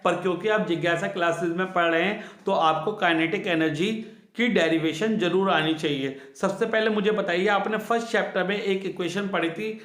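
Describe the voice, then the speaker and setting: Male physics tutor, fairly high voice, on terms, quizzing and repeating answers, echoey room. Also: fairly bright tone. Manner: repeats each key answer twice, asks the students questions. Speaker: science teacher. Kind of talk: classroom physics lesson.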